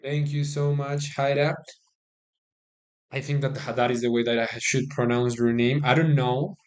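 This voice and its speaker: Speaking with a Spanish accent, a Colombian man delivers easygoing live-stream chess commentary that is captured on a phone. His voice is medium-pitched and a little mellow, with fairly even intonation and a moderate pace. He chats in fits and starts, repeating words as he looks for them and regularly thanking viewers.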